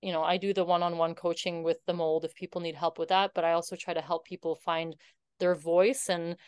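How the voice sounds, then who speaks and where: A woman's voice: on the low side, level tone, fairly quick, a little mellow, smooth, no echo. A woman guest in her thirties telling her story in a casual interview, earnest and heartfelt, with many fillers. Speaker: podcast guest.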